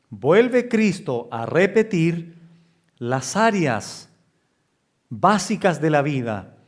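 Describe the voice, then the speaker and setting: A male pastor preaching an expository sermon in a slow, emphatic way, often raising his pitch for stress.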